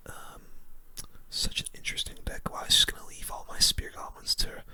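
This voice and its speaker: At an ordinary speed, a gaming host murmurs breathy, hushed whispers close to the microphone, talking through his gameplay thoughts in casual ASMR style.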